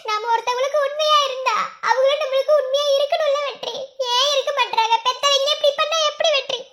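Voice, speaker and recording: A woman's voice: extremely high pitch, fast, noisy background. A woman voicing a young village wife in a cartoon, speaking with a Madurai Tamil accent in a pleading, sobbing way. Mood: upset. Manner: pleading, sobbing between words. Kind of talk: cartoon voice acting. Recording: cartoon dialogue over background music.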